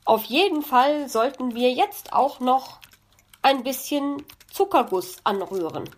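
A woman's voice: high-pitched, lively intonation, takes it slowly, voice pushed up, heavily acted. A woman voicing a genial, polite male fox baking cookies in a children's audiobook. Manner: courteous, amused and warm.

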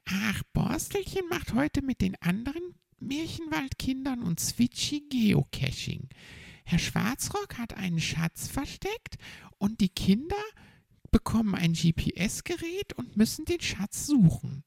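A man voicing a fussy, motherly hedgehog mother in a children's audiobook, in a high put-on falsetto. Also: very animated, unhurried, creaky, a little mellow, no room sound, exaggerated voice. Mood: warm. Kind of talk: audiobook character voice.

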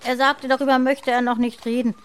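A woman's voice: sits high, little pitch movement, fairly quick, clear, resonant tone, pitched above the performer's own voice, lightly acted. A woman voicing a slight young schoolboy who acts secretive and important, in a raised boyish voice. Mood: defensive.

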